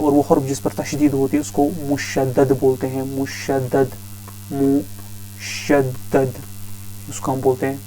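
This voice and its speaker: A man's voice: mid-range voice, mellow, rough recording. A man teaching a grammar lesson, patiently repeating each term several times. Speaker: Arabic teacher.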